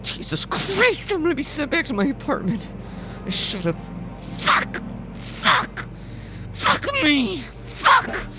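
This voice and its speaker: A man's voice: very high voice, big pitch swings, normal speed, over music, voice pushed up. A man voicing a jittery, panicky small young man for a story reading, stammering through frantic outbursts. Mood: panicked. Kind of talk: audiobook character voice.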